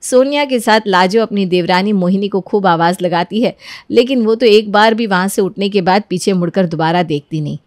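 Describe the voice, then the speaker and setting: A woman narrating a cartoon story in an even, scripted storytelling manner. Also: mid-range voice, brisk, no echo, studio quality.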